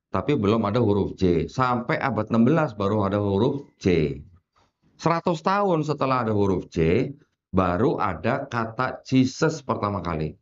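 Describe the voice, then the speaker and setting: A man in a casual talk, explaining at length to a woman listener, with jokes and frequent laughs. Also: mid-range voice. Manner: chatty, jokey asides with frequent laughs, many fillers like gitu; addresses a woman listener often as "Bu". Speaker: podcast host explaining religion. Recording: slightly dull lo-fi sound.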